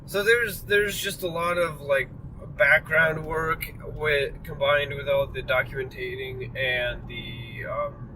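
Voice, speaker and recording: Speaking slowly at medium pitch with fairly even intonation, a weary young man vlogs while riding in a moving car. He yawns, rambles, and scatters fillers and apologies throughout, and a distant mic leaves the road noise clearly audible.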